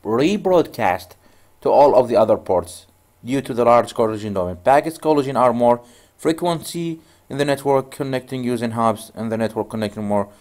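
The man narrating this screen-recorded tutorial is a networking instructor and native Arabic speaker. He talks loosely, breaking off and beginning again frequently, in a slightly mellow voice of medium pitch.

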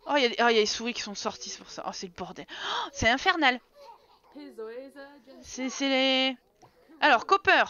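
A woman streamer rattles through casual live commentary, scolding her game characters and thanking viewers in chat. Her voice is bright and forceful and sits a little high. The stream audio is slightly dull, with faint game music underneath. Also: lively intonation, moderate pace, pauses often. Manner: chatty, exasperated, talks to game characters and chat.

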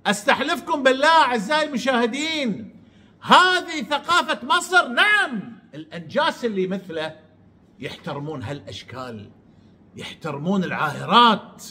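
Angry mocking man, high lively voice. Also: brisk. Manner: mocking, insulting, sarcastic. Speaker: online commentator. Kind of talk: angry ranting commentary.

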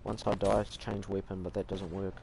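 A man with a broad Kiwi accent and a fairly low voice streams a game. His talk is casual and full of slang. There is faint noise behind him on a home gaming mic. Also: little pitch movement, a little fast, gravelly, a little mellow. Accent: New Zealand. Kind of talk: casual live gameplay commentary.

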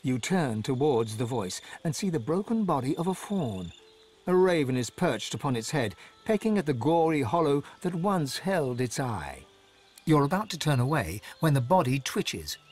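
A man narrating a game story in an expressive, dramatic scripted style. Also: medium pitch, normal speed, breathy edge. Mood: calm. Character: male storybook narrator, vivid.

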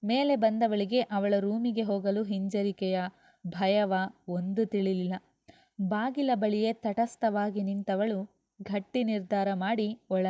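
Woman narrator, serialized novel, steady storytelling, dry close sound, dull lo-fi. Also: mid-range voice, dry recording. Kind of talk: reading a serialized novel aloud. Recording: dull lo-fi recording.

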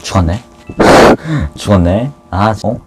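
A man giving casual commentary on an online game he is playing, swinging between loud cheers and nervous muttering. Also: fairly low pitch, animated, takes it slowly, loud music behind the voice, low-quality recording. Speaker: gaming YouTuber.

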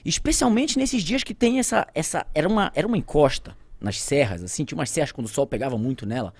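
A man with a Brazilian Portuguese accent, a podcast guest telling an emotional story with conviction, shifting from loud outbursts to near-whispers. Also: fairly high pitch, expressive, fast talker, breathy edge, no room sound. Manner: speaks with conviction, addresses viewers directly.

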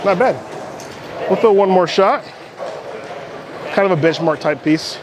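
His voice high-pitched and unhurried, a middle-aged American man explains a product in short, casual bursts while demonstrating and reviewing it. The setting is a large indoor bowling alley, and the recording is full of its clattering noise and ambience.

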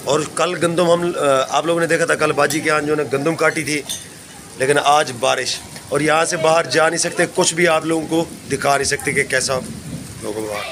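A man's voice: on the high side, moderate pace, background noise. A man with a Pakistani accent narrating a casual village vlog outdoors in the rain, devout and chatty. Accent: Pakistani Urdu. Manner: chatty and devout, often saying mashallah. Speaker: village vlogger filming and narrating. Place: rural courtyard in the rain, outdoors.

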